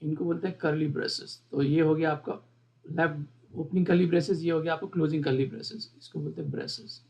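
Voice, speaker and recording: A man teaching a beginner programming lesson, explaining each part of the code slowly and repeating the terms, often asking his viewers questions. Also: a little high, fairly even intonation, gravelly, a little mellow. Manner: explains step by step, repeats terms, mixes English terms into Hindi. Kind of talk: screen-recorded coding lesson.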